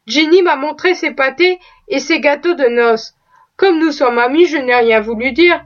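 A woman's voice: high voice, moderate pace, natural voice. A woman voicing a proud, chatty cook. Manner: talkative, exclaiming, folksy. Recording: slightly dull lo-fi recording.

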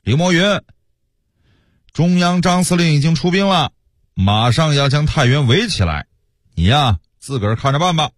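Mocking soldiers call up at the walls in a high, jeering voice, put on by a male storyteller. The tone is husky and sounds dry and close. Their taunts swing widely up and down. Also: very animated, moderate pace, long pauses, no echo. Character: taunting enemy heralds shouting at walls.

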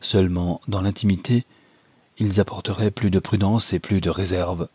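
Low, husky male audiobook narrator. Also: fairly even intonation, normal speed, warm tone, no echo. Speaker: audiobook reader. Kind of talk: scripted narration of a novel.

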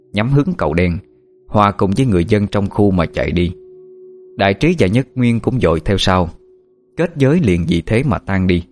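A man narrating a ghost story in a calm, measured storytelling manner. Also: sits low. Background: faint music.

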